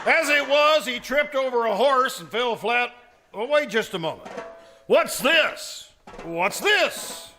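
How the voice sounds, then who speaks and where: Guy doing a stuffy small town mayor, sarcastic n flustered, really high forceful voice, old time radio comedy. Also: lively intonation, slow, soft background music, exaggerated voice. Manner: formal wordy speech that tangles when flustered.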